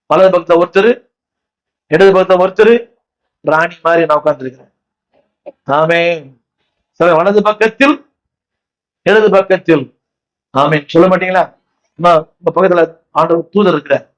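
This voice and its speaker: A man's voice: high-pitched, highs cut off. A man with a Tamil accent preaching a sermon, repeatedly calling on his congregation to say the words aloud after him. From India. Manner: repetitive, exhorting, asks the crowd questions. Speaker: pastor. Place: church.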